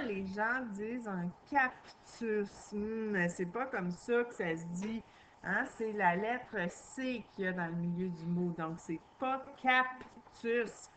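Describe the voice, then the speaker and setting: Slow, patient teacher. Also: female voice, medium pitch, bright, forceful tone, slight background noise, low-quality recording. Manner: patient, slow, spelling out sounds. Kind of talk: reading lesson for young children.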